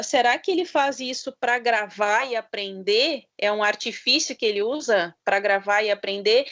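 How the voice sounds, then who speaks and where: A somewhat high-voiced woman, asking a question and pausing often as she searches for the right words. Her audio comes through muffled, like a video call. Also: a bit bright. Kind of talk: webinar question.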